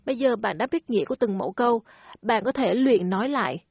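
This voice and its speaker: A woman's voice: fairly high pitch, fast. A woman hosting a language lesson, speaking in a friendly, encouraging teacher tone. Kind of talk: scripted lesson narration.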